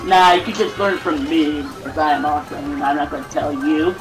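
A man's voice: fairly high pitch, music in the background, rough recording. A young man chatting casually and joking while playing a racing game with his cousin. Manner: joking, rambling, quick laughs. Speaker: gamer recording a video. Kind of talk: casual gameplay chat.

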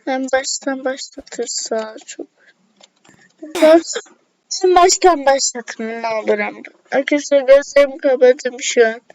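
A woman doing casual let's-play commentary as a gaming YouTuber, excitable, talking straight to her viewers and breaking into gasps and shrieks. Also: high-pitched, unhurried. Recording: slightly dull lo-fi with faint hiss.

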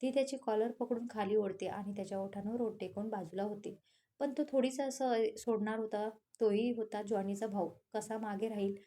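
A woman narrating a romantic story, reading in a steady, even way. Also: medium pitch, normal speed.

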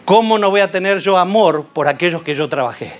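A man preaching a sermon, telling a Bible story with rhetorical questions and lively storytelling. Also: high-pitched, fairly quick, slight background noise.

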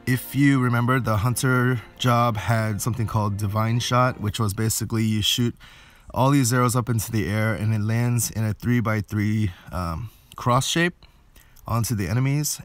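A man with a lowish voice speaks at a moderate pace, with no room sound in the recording. He is a gaming video host giving a casual, explanatory walkthrough indoors over game footage, thinking aloud while game music plays.

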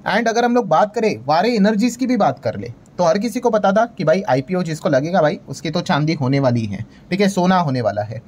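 An Indian man hosts a market video, giving a casual, emphatic explainer over screen graphics, hyping things up, mixing in English terms and repeating check-in phrases. His voice is high, animated and fairly quick, with few pauses and a darkish tone.

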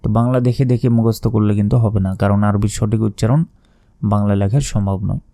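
A man with a Bangladeshi Bengali accent teaching Quran pronunciation, explaining each sound and then slowly drawing out the recited words. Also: on the low side, steady tone, vocal fry, mellow, no room sound, studio quality. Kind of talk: spoken lesson with slow recited phrases.

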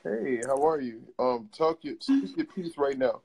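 Husky man teasing on a video call. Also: mid-range voice, lively intonation, unhurried, a little mellow. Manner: joking, teasing, crude banter. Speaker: host. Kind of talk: casual livestream call chat.

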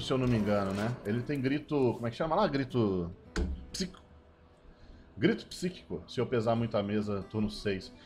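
A man with a Brazilian Portuguese accent commentating his own card-game match, excitable and breaking into shouted celebrations. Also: mid-range voice. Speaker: gameplay streamer.

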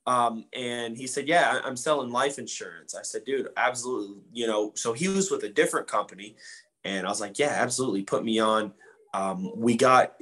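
A man's voice: medium pitch, fairly quick, a bit bright. A man in his twenties, a guest, telling his story in a casual interview with a laid-back, slangy manner. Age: 20s.

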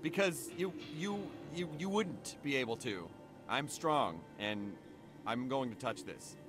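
A man's voice: medium pitch, lively intonation, measured pace, music in the background, close to an everyday voice. An actor playing a jittery, boastful young man in a comic adventure video game, rambling and stammering with nervous bravado.

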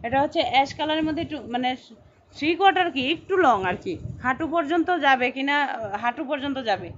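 On a faintly noisy, dull lo-fi live stream, a woman sells clothing while chatting away. Her voice sits high and is expressive, she talks fast, and she repeatedly calls out sizes and buyer names.

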